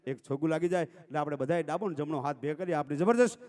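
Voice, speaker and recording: High-voiced man. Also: racing, darkish tone. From Gujarat. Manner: declamatory, rhythmic recitation of sayings, with frequent "saheb" addresses. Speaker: folk dayro storyteller and emcee. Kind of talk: folk stage oratory with humorous anecdotes. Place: live folk dayro event stage.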